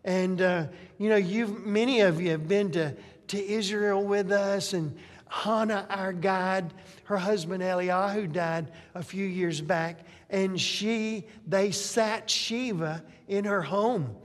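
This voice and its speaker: An older man preaches in a high-pitched, unhurried voice, easygoing and chatty, often pausing to ask the congregation questions. His words ring out in a long hall reverb, as in a church sanctuary. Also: steady tone. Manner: conversational, with rhetorical questions to the congregation. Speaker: pastor. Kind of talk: sermon.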